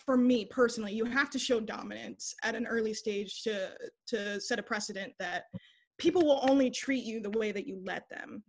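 A young woman, an interview guest, telling a candid story in a blunt, animated way, swearing freely and acting out what people said. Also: a little high. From United States. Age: young adult.

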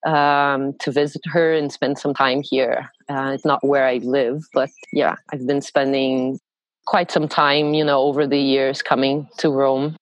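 A woman from Brazil, a podcast guest in casual chat who pauses thoughtfully to search for words. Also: rumbling low, flat delivery, no echo.

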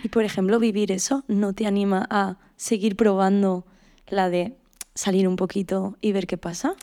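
A woman hosting a podcast, asking gentle questions and affirming her guest with short interjections. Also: mid-range voice, flat delivery, moderate pace. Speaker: podcast host. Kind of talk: supportive interview.

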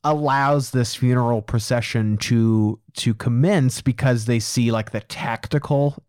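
A man's voice: medium pitch, fairly even intonation, unhurried, a little mellow, clean tone, dry recording. Rambling male podcast co-host, dry sound. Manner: rambling, explanatory, frequent "uh" and "you know". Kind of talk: casual podcast discussion.

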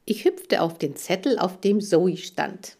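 A woman reading a children's story aloud as the audiobook narrator, with a lively, expressive delivery. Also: fairly low pitch, a little slow.

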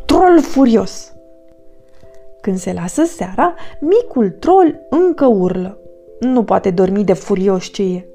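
Female storybook narrator, expressive and animated, soft music under her. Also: fairly high pitch.

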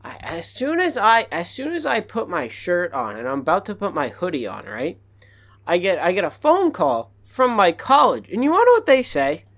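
A man's voice: high-pitched, huge pitch swings, moderate pace, a bit bright. A young man co-hosting a podcast, telling a rambling story in casual chat, full of fillers, a bit out of breath. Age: young adult. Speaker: podcast co-host.

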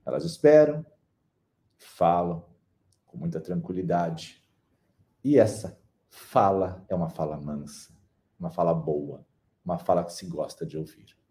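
A man with a very deep voice gives a motivational talk. His tone is mellow and warm, and his delivery is calm and measured, with slow pauses for emphasis. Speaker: speaker on personal development.

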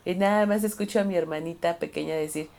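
Lively low-voiced Mexican woman. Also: fast talker, vocal fry. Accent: Mexican Spanish. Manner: animated, self-mocking, laughs while telling stories. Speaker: podcast co-host. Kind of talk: casual podcast chat.

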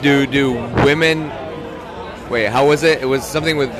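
Male podcast host, halting casual chat, busy market crowd behind him. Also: medium pitch, fairly even intonation. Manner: hesitant, restarts often, laughs a lot. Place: outdoor market bar, crowded. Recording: loud crowd noise around. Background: crowd chatter.

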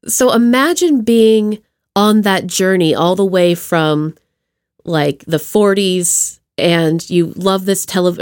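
A woman with a medium-pitched voice hosts a podcast, interviewing a guest over a remote video call. She chats casually and upbeat, full of playful enthusiasm and informal slang, in clean studio audio with no room sound.

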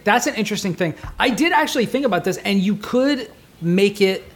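Male podcast co-host, high voice with gravel in it, animated and casual. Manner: animated, swears when excited. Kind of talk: casual game discussion.

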